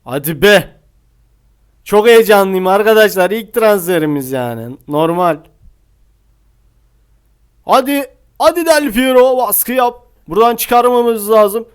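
Young male gamer for a football match commentary, high voice, bursts into sung goal shouts then mutters. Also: lively intonation, a little slow, pauses often, clean tone. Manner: shouts and half-sings goals, then drops to low mutters. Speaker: gaming YouTuber playing a scout role. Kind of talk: excited live commentary of a mobile football match.

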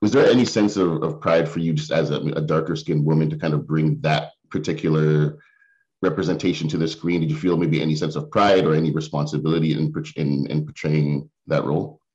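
A man's voice: extremely low pitch, fairly even intonation, brisk, a little mellow. A man interviewing actors in a casual way, asking long questions with many restarts and fillers. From Barbadian family, raised in Canada. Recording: dull lo-fi sound.

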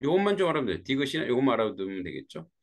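A man's voice: medium pitch, sing-song, racing, a little hiss or hum. A man teaching an online grammar lesson, talking students through examples and checking with them after each point. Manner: greets students by name as they join. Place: warm room with a fan.

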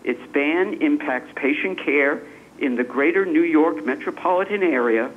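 A man's voice: fairly high pitch, husky. Man speaking over a tinny phone line. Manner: formal, measured delivery in short phrases. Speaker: public commenter. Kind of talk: reading a prepared statement. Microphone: telephone.

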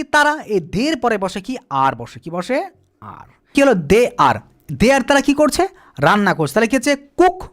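A man's voice: very high-pitched, a bit bright. Patient male teacher quizzing a class. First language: Bengali. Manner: patient, keeps asking questions and answering them himself; spells words out letter by letter. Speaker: spoken English teacher. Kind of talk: live beginner class at a board.

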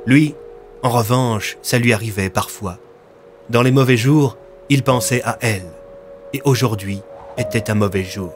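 A man reading a dramatic audio story in a steady, expressive voice. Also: medium pitch, a little slow. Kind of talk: scripted dramatic narration. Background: faint music.

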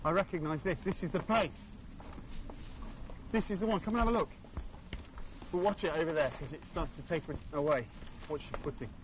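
A man's voice: fairly high pitch, a little fast, long pauses, slight background noise, close to an everyday voice, poor audio. An actor playing a serious, impatient man leading a search in a found-footage horror film, outdoors. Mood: focused. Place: outdoors in woods at night.

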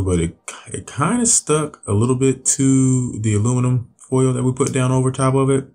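A man in his thirties, host of a home cooking channel, narrating his grilling in a relaxed, loose way with lots of fillers and restarts. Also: lowish voice. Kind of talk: casual voice-over narration.

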